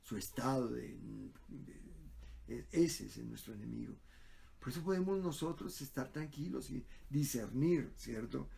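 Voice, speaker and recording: A man's voice: mid-range voice, lively intonation, unhurried, creaky, warm tone, husky. A male pastor delivering a sermon, telling stories with quoted dialogue and frequent fillers.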